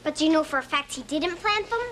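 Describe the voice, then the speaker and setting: Very high, eager kid. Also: female voice, expressive, fast talker. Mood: curious. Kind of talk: children's television acting.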